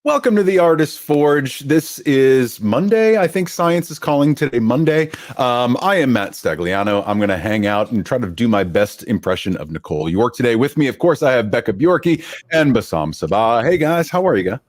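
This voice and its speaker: A man's voice: mid-range voice, expressive, normal speed, no echo. A man hosting a casual podcast, talking in an easygoing, rambling way and teasing his co-hosts. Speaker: podcast host.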